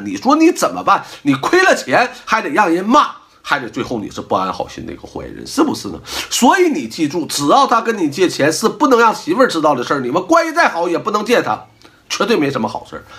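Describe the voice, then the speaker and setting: A middle-aged man giving casual advice straight to camera, his voice swinging wildly up and down. The tone is bright and forceful, a little higher than most men. He lectures emphatically and keeps throwing rhetorical questions at the listener. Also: fast talker. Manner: animated, full of rhetorical questions. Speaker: host giving life advice.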